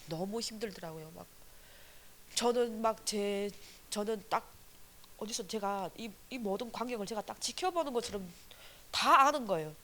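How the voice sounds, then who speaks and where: A woman evangelist giving an earnest, animated testimony at a church service, with many fillers. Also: medium pitch, normal speed, long pauses, a little hiss or hum.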